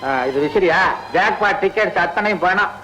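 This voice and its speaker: A man's voice: high voice, normal speed, sharp tone, soft background music, rough recording. An actor playing a hot-tempered middle-aged father who scolds and blusters in old film dialogue. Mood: grumbling.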